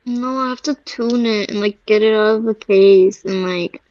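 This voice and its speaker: A woman's voice: medium pitch, normal speed, darkish tone, no room sound, lo-fi sound. A young woman co-hosting a joking podcast chat, giggly and teasing. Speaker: podcast co-host.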